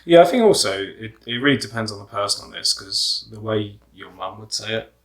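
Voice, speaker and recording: A man's voice: on the low side, a little fast, gravelly, a bit bright. A man chatting casually as the host of a video. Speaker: host of a couple's video channel. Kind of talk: casual chat.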